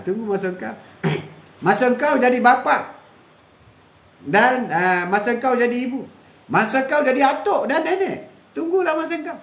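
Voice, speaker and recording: Chuckling older grandpa preaching. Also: male voice, very high voice, fairly bright tone. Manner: preachy and repetitive, chuckling often. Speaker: host. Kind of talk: live stream moral talk. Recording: echoey room.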